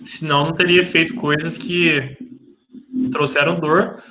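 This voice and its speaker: A man's voice: fairly high pitch, fairly even intonation, unhurried, pushed and bright. A man with a Brazilian Portuguese accent, taking part in a study group over a video call and speaking reflectively and openly about his own faults. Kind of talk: informal spiritual study group talk.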